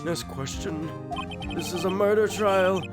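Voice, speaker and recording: A man voicing a stern elderly male judge in a video game, using a slow, solemn old-man voice. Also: high-pitched, voice pushed up. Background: game music.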